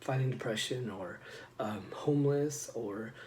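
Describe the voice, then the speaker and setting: A man talks casually to his audience in a personal vlog, his voice sitting at an ordinary middle pitch. He rambles, circling back with fillers and restarts as he goes. There is a faint noise in the background. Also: a little slow, darkish tone. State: getting emotional. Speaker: vlogger. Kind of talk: casual personal talk to camera.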